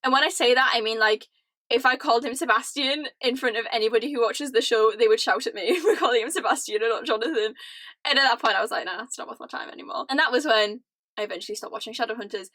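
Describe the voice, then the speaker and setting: A young British woman ranting casually to camera, animated and laughing often, with lots of "like". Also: on the high side, quick pace, no echo. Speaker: vlogger. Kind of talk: casual chatty rant to camera.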